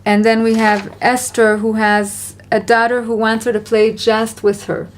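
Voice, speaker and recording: A woman with a slightly high voice talks through parenting advice in a relaxed Q&A chat. She sounds earnest and reflective, and gently encourages the listener. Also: a little slow, slight background noise. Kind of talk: casual Q&A conversation.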